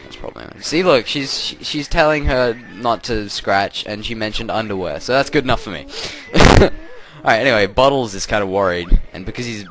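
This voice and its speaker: A man's voice: on the low side, animated, normal speed, a bit bright. A young man doing casual, rambling let's play commentary, often cutting himself off. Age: young adult. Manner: rambling, self-interrupting, chuckly.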